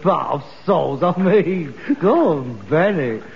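An old, reverberant broadcast recording with clear noise, featuring a fussy middle-aged son in a sitcom. His London-accented voice swings dramatically up and down. He is theatrical, scolding and exasperated. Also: on the high side, expressive, slow, dull audio, full character voice. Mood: exasperated, disgusted. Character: exasperated, fussy grown-up son of old working-class father. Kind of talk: British sitcom acting.

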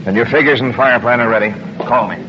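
An actor playing a grave, commanding cruiser captain in an old radio war drama. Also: male voice, mid-range voice, quick pace, natural voice. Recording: muffled, noisy old radio recording.

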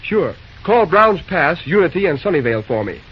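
An actor playing a busy young railroad dispatcher in an old-time radio drama, talking briskly in folksy slang. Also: male voice, fairly high pitch, sing-song, husky. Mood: businesslike. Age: young adult. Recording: dull, noisy old radio recording.

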